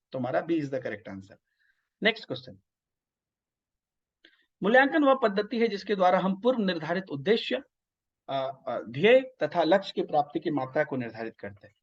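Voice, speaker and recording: A male teacher with an eastern Hindi-belt accent delivers an online exam-prep lecture in a fairly high voice. He explains patiently through everyday examples and keeps checking that his listeners follow. The audio is a little dull and lo-fi. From north India.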